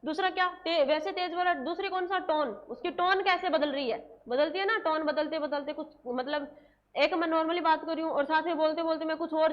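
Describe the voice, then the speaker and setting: A high-pitched woman leads a coaching class, firing the same question again and again and answering it herself. She drops to a slow, spaced-out pace when she dictates English terms. The recording sounds a little muffled. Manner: drills students with repeated questions and answers; slows right down to dictate English terms word by word. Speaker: nursing exam coaching teacher. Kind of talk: classroom lecture, dictating notes.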